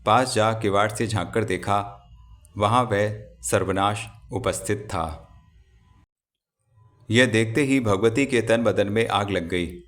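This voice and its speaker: Male audiobook narrator, low voice, measured dramatic storytelling. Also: a bit bright, faint music behind. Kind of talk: novel narration.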